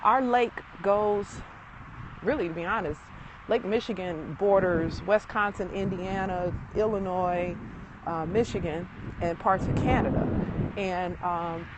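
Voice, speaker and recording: A chatty woman real estate agent talks her way through a casual walking live-stream, full of fillers and easy asides. She sounds a little winded from the walk. Her voice comes through a handheld phone outdoors, with clear city noise around her. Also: fairly low pitch, a little slow. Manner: chatty, rambling, with many fillers and laughs. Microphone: phone held while walking.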